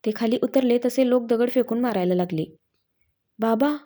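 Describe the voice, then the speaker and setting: Woman narrating a story, mellow voice. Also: a little high, brisk. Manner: reads every character's lines in her own voice.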